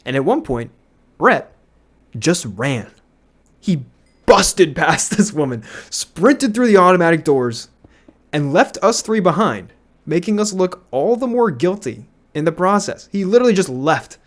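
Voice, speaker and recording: A man's voice: sits high, sing-song, unhurried. A young man, a YouTuber, telling a storytime with animation, laughing and swearing freely. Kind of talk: storytime narration.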